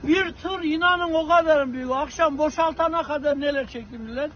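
Very high-pitched, emotional older man. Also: a little fast. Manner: emotional, earnest. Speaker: earthquake survivor. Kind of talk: animated street testimony. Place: outdoors in a street by a smoky fire, among bystanders. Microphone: phone camera a short distance away. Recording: dull lo-fi phone recording, faint street noise.

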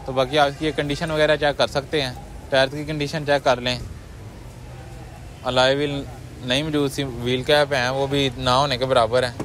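A man hosting a car market walkaround, describing cars in brisk salesman-like patter and interviewing sellers on a handheld mic outdoors. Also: mid-range voice. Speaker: host presenting cars at a market. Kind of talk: walkaround commentary and street interviews. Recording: outdoor street noise behind.

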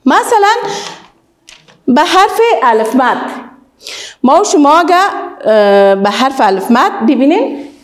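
A woman's voice: high voice, big pitch swings. A woman with an Afghan Dari accent teaching the alphabet to young children, stretching out model words and praising often. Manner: sing-song, drawn-out model words, praising.

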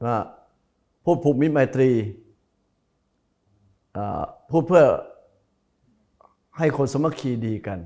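A Buddhist monk with a mellow, mid-range voice and lively intonation delivers a dharma talk for television from a broadcast studio. He talks slowly with long pauses, addressing viewers directly and emphasizing and repeating key phrases.

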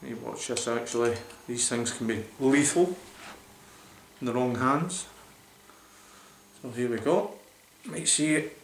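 For his casual beer review vlog, a man in his forties talks to camera in a small room, rambling with enthusiasm and many fillers. His mid-range voice is a little slow with long pauses, and the roomy, echoey home recording has a slight hiss or hum.

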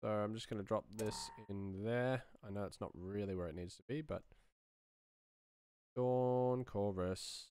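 This sound designer, a man in his thirties, streams his work from a small indoor room, casually muttering into a close studio microphone. He speaks a little slowly in a fairly low, steady voice, with noise in the background.

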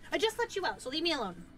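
A woman's voice: high-pitched, a bit bright. A woman streaming a horror game, talking to the screen in a jittery way and yelping and repeating words in panic. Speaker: gaming streamer. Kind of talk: horror gameplay commentary.

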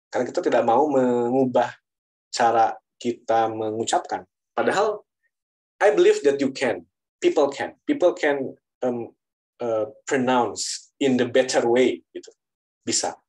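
A man's voice: mid-range voice, measured pace, darkish tone, low-quality recording. A man, lecturing university students online, explaining with frequent fillers and switches into English.

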